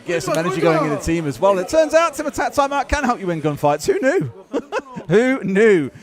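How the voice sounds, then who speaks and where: A man's voice: sits high, big pitch swings, crowd noise. A British man casting a live esports match, chatty and joking, who also answers viewer questions. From United Kingdom. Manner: chatty and quick, jokes and answers chat. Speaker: esports caster.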